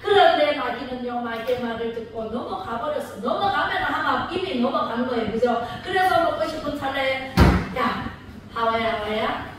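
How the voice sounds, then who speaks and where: Woman, pastor, sermon, high voice, animated storytelling, faint background noise. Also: brisk. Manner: animated storytelling, asks the congregation questions. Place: church sanctuary. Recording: very echoey church hall, distant mic, faint noise.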